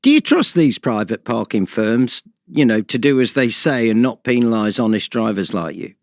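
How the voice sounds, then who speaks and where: A man's voice: mid-range voice, big pitch swings, moderate pace, dry recording, studio quality. A man with an English accent hosting a local radio show, questioning a guest in a friendly, conversational way. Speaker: radio presenter. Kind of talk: radio interview.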